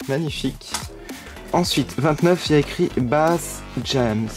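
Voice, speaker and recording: A man's voice: fairly high pitch, a little slow. A man giving casual unboxing commentary as a toy vlogger, gushing with frequent delighted exclamations. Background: background music.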